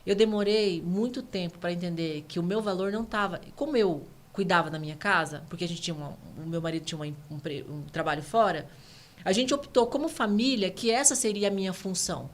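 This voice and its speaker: A woman in her thirties from Brazil, a guest giving an emotional personal testimony, animated and earnest. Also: on the low side. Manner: fast, earnest, animated storytelling.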